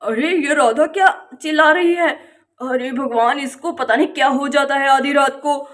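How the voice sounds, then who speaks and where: A woman's voice: high-pitched, unhurried. A woman voicing a grumpy, sleepy village husband who scolds his wife in a doll story. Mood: grumbling. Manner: grumbling, scolding, then reassuring.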